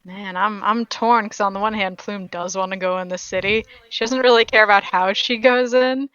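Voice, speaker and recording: A woman's voice: mid-range voice, fairly even intonation, moderate pace, a bit bright, muffled recording. A woman playing in a tabletop game, chatting casually and animatedly, laughing and adding asides. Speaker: player. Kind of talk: casual tabletop role-play chat.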